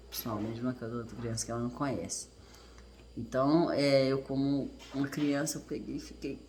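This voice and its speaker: Brazilian dad in his thirties, talks slow and halting, keeps correcting himself, little bit of background hiss. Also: mid-range voice. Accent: Brazilian Portuguese. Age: 30s. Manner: earnest, halting, reflective, with restarts and self-corrections. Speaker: father and vlogger. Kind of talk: casual personal storytelling.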